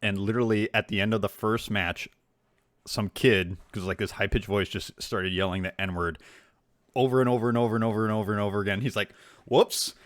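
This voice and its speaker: Deep-voiced man telling gaming stories. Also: fairly even intonation, a little fast, dry recording, clean studio sound. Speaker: podcast co-host. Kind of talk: casual gaming chat.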